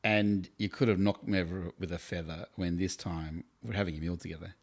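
Very deep, gravelly Australian man telling stories. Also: steady tone, fairly quick. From Tasmania, Australia. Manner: chatty, self-deprecating, laughs through his stories. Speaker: campus ministry worker, guest. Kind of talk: casual interview storytelling.

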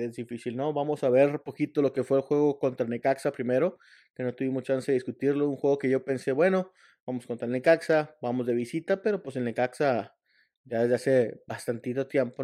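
Guy from mexico venting about his team, dark relaxed tone, lots of fillers. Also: medium pitch. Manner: frustrated, rambling fan talk with many fillers. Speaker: podcast co-host. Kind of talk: casual sports chat.

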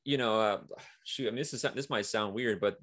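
Here a man with a fairly low, somewhat bright voice speaks fairly quickly as an interview guest. Hailing from the Mexico–US border region, he rambles casually about being a comic writer, dropping plenty of fillers.

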